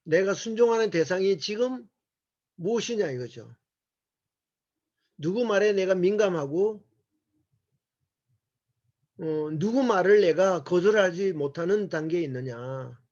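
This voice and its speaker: A man's voice: high-pitched, lively intonation, measured pace, long pauses, a little mellow. A man giving an earnest, sermon-like discipleship lecture to a church class, asking the audience rhetorical questions. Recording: muffled lo-fi recording.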